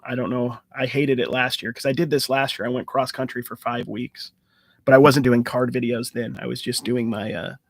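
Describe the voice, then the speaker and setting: A mid-range male voice with vocal fry and no room sound belongs to a sports card channel host. During a casual live-stream Q&A he wanders loosely through his talk, restarting and using fillers, and sounds enthusiastic about card hunting.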